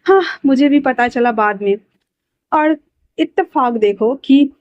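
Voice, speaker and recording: A woman voicing a calm, easygoing young man who chats mildly, on a dull lo-fi recording. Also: high-pitched, unhurried, dry recording.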